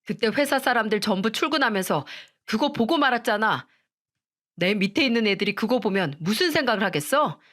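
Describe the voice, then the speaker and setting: A woman's voice: fairly high pitch, expressive, brisk, fairly bright tone. Snappy stuck-up young husband, a lady reading him, annoyed and talking down to people. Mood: irritated. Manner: curt, irritated and condescending. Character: arrogant newly promoted young husband.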